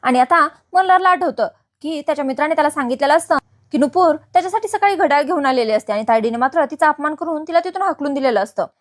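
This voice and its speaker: A woman telling a TV serial's plot in a lively, chatty storytelling style, addressing listeners as friends. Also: high voice, quick pace. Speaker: TV serial recap narrator. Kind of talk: casual storytelling recap.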